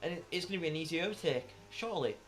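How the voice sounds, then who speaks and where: A man with a Northern English accent co-commentating a sim race, chatty and quick to laugh and tease. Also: a little high, animated, soft background music. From Northern England. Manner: chatty, laughs often, teasing.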